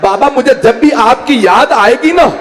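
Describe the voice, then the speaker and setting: A man, a religious scholar preaching a mourning sermon in an impassioned style. He acts out the pleas of the people in his story and climbs into shouted lament. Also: very high-pitched, lively intonation, unhurried, slight background noise. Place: mourning hall with a gathered audience.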